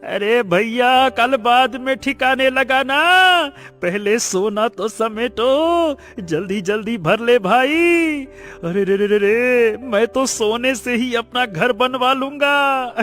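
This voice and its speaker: A man voicing a squeaky excitable woodcutter. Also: takes it slowly, few pauses, faint music behind, full character voice. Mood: gleeful.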